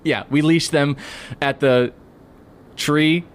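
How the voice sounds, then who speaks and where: A man co-hosting an improvised comedy podcast, narrating deadpan and rambling in halting, restarting sentences. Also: fairly high pitch.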